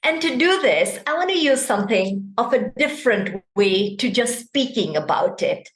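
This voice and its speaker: This club speaker from Kenya presents a prepared talk over a video call, engaging the online audience with frequent questions. Her voice sits on the high side and is expressive, at a moderate pace, and the room sounds echoey.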